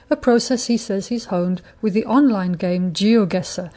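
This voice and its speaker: A woman hosting a short radio segment on astronomy, telling it in a wry, measured way. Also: mid-range voice, warm tone. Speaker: radio host. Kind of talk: scripted radio talk on astronomy.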